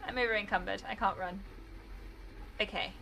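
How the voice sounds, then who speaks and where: A woman's voice: mid-range voice, fairly even intonation, moderate pace, vocal fry, bright, forceful tone, slight background noise, low-quality recording. A British woman chatting casually while streaming a game, rambling and laughing often. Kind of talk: casual gameplay commentary.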